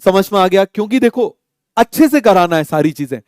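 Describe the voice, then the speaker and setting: A man's voice: sits high, expressive, fairly quick, a little mellow, clear, resonant tone, dry recording, studio quality. A young man teaching a biology lecture, quizzing his students with repeated call-and-answer questions and mixing in English terms with an Indian accent. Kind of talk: online exam-coaching lecture.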